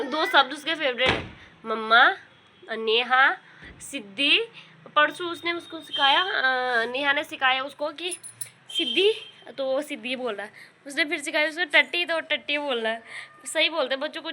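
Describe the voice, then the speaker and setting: A young mother vlogs in a rambling, casual way, full of fillers and pauses. Her voice sits a little high and sounds very bright and forceful. When she turns to her baby, she breaks into high, loud, coaxing calls. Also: a little hiss or hum. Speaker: lifestyle vlogger and mother. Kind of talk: casual vlog chat.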